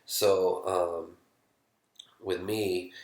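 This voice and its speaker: A man speaking candidly to camera about his own experience, halting, with many fillers and restarts, sometimes dropping to a whisper. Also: deep voice, flat delivery, roomy sound, a little hiss or hum. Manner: drops to a whisper when quoting his own thoughts. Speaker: vlogger sharing his experience. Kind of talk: candid personal talk to camera.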